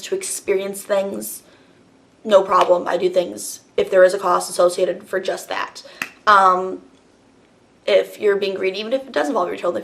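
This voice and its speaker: A woman's voice: medium pitch, gravelly, a bit bright. A woman hosting a casual monologue vlog, a little out of breath after a workout, talking frankly and firmly with rambling asides. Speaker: host.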